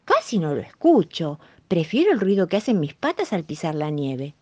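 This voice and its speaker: A woman plays a small, curious lamb in a bedtime storybook, questioning and a little stubborn, with a lively lilt and a Rioplatense accent. Dry, slightly dull sound. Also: on the low side, normal speed, husky, no echo. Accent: Rioplatense Spanish.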